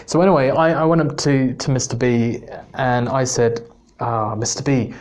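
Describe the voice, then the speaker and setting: A man's voice: mid-range voice, moderate pace, a little mellow. A man from England telling a personal story on his podcast in a casual, rambling way, with many restarts. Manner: rambling, many restarts, self-mocking laughs. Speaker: podcast host.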